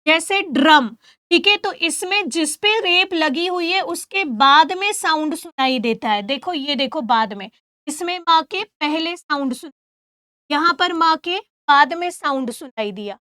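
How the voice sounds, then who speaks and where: A woman teacher giving an exam-prep grammar lesson. She asks questions and answers them herself, spells sounds out slowly for her students, and sets them homework. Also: high voice, animated, sharp tone, dry recording, studio quality. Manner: addresses students as "beta", gives homework.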